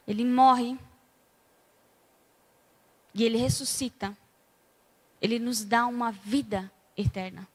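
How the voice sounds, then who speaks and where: A woman with a Brazilian accent preaching a sermon in a conversational way, acting out scenes with lively energy. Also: fairly high pitch, husky, in a large hall. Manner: conversational, acts out scenes animatedly.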